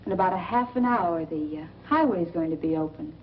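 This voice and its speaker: Her fairly low, expressive voice moves briskly as she plays a sardonic noir woman, shrewd and tired of the world yet drawn to bad men. The mood is cool and knowing, pure 1940s film acting, heard through a dull, noisy vintage soundtrack.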